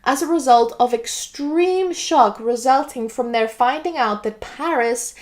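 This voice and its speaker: A woman's voice: sits high, a little slow. A woman from Greece delivering an earnest, lecturing monologue. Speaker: political video commentator. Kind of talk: scripted monologue to camera.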